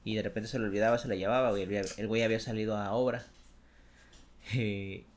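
A man's voice: on the low side, fast talker. A young man with a Mexican accent telling a work story in casual chat, full of slang and acted-out voices. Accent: Mexican Spanish. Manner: slangy, animated, acts out voices in anecdotes.

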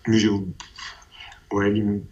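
Halting man with a low, flat voice. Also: lo-fi sound. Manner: halting, repeats and restarts phrases. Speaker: anonymous interviewee giving testimony. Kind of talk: hesitant personal testimony in an interview.

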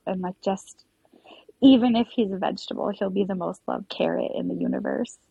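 Young woman, podcast guest, husky and a little gravelly, filler-heavy and emotional; muffled, dry sound. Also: medium pitch, a little fast, warm tone, dry recording. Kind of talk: personal storytelling interview.

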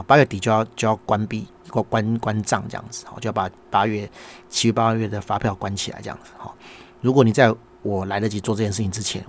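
A man's voice: lowish voice, slight background noise. A middle-aged man with a Taiwanese Mandarin accent, hosting a casual monologue and telling an exasperated story while acting out the dialogue. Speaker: podcast host, small business owner.

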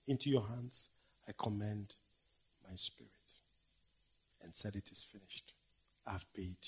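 Slow, husky-voiced male preacher. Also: on the low side. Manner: swings from loud declaiming to hushed whispers; slow, deliberate, repetitive cadence. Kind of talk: dramatic sermon.

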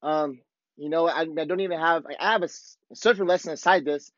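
A hoarse man with a worn-out voice hosting a podcast, talking casually and candidly in a rambling, profanity-heavy motivational monologue. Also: fairly high pitch, steady tone, a little fast. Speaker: podcast host. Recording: dull, lo-fi, roomy echo.

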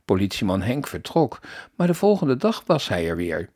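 A man reading a children's story aloud in an expressive, animated storytelling manner. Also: lowish voice, moderate pace, slightly rough.

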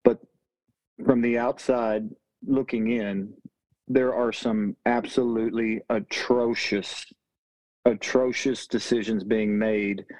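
A man's voice: lowish voice, a little mellow, dry recording, rough recording. A man on a casual sports podcast, speaking emphatically and critically about decisions he disagrees with.

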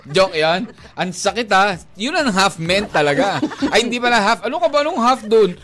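A man's voice: sits high, lively intonation, normal speed, a bit bright. A male Filipino radio DJ bantering casually with his co-host, teasing and laughing often, mixing Tagalog and English.

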